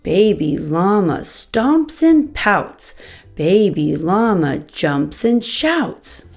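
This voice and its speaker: Woman reading aloud slowly to young children. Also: medium pitch. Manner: slow, expressive, addressing young children. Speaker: children's storybook reader and channel host.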